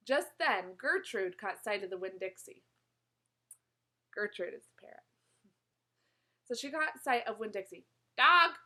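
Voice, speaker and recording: A woman reading a children's novel aloud in an expressive, animated storytelling manner, with small slips and corrections. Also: mid-range voice, unhurried, long pauses, low-quality recording. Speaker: reader.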